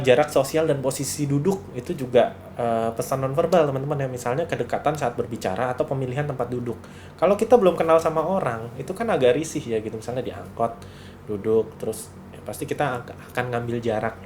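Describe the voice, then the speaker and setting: Male lecturer, relaxed chatty delivery, acts out examples, faint room noise. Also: medium pitch. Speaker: university lecturer. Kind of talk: casual lecture to students.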